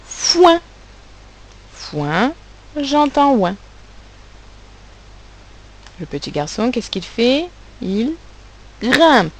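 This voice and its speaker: A woman teacher giving a recorded phonics lesson to children, articulating sounds and syllables slowly and with care. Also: fairly high pitch, big pitch swings, slight background noise, poor audio. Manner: slow, carefully articulated, stressing sounds and syllables. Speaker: primary school teacher.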